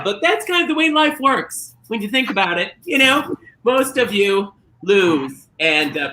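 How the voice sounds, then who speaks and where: A man's voice: high-pitched, reverberant, slight background noise, low-quality recording. A man playing a perky, campy beauty-queen bingo hostess, chatting theatrically as a bingo caller with teasing asides. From Minnesota. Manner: theatrical, chirpy, rambling with teasing deadpan asides. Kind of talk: chatty bingo caller patter to a live online audience.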